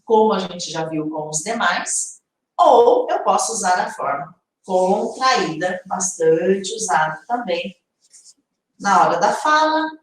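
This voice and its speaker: A Brazilian woman teaching English in a live online lesson, explaining slowly and checking in with her viewers. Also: medium pitch, expressive, heavy reverb, distant mic, low-quality recording. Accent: Brazilian Portuguese.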